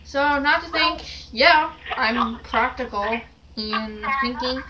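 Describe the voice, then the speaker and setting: A woman's voice: on the high side, slow, dull audio, over loud music. A young woman telling a story on camera in her bedroom, rambling with many fillers and restarts. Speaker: storytelling vlogger. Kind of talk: casual spoken storytelling. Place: small cluttered bedroom, indoors. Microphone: camera at a distance on a stand.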